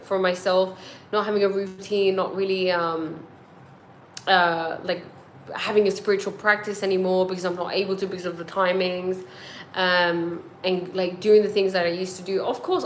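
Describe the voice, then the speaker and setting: A woman's voice: lowish voice, slight background noise, rough recording. A young woman from India, chatting casually to her viewers at home in a rambling way, with lots of fillers and restarts. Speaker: vlogger.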